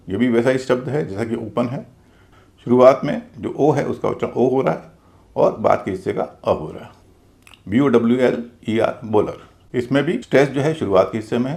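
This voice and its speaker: A man's voice: medium pitch, vocal fry, darkish tone. A man teaching English pronunciation, explaining patiently and methodically and spelling out words letter by letter. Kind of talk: classroom-style explanation.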